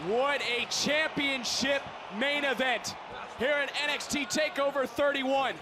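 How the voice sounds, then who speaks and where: A man delivers excited wrestling play-by-play in a very high, strained-up pitch. He shouts dramatic calls in short bursts. Heavy arena noise surrounds his voice. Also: unhurried. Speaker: lead play-by-play wrestling commentator. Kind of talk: excited live wrestling commentary.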